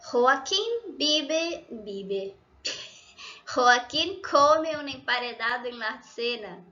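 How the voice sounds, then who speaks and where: A woman's voice: sits high, animated, drawn-out words, pushed and bright, lo-fi sound. A woman from Brazil, a native Portuguese speaker with a Brazilian accent, patiently explaining Spanish grammar and often checking in with her students. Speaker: Spanish teacher.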